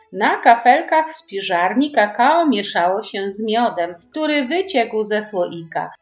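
A woman reading a children's story aloud to preschoolers in a gentle, expressive storybook manner. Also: mid-range voice. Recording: echoey, dull room with faint music.

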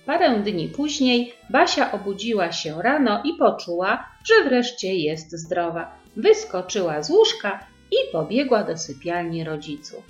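A woman reading a story aloud to preschool children in a gentle storytelling manner. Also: mid-range voice, very animated, measured pace, hardly any pauses. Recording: roomy, dull sound with faint music.

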